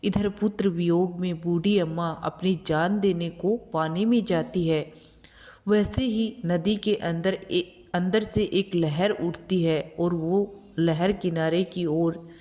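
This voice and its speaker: A woman telling a devotional folk tale in a slow, deliberate way. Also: fairly low pitch, mellow. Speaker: storyteller.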